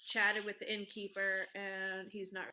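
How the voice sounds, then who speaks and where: A woman playing a tabletop game talks casually and quickly, often trailing off. Her voice is bright. A faint hiss runs under it. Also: medium pitch, monotone, low-quality recording. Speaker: player.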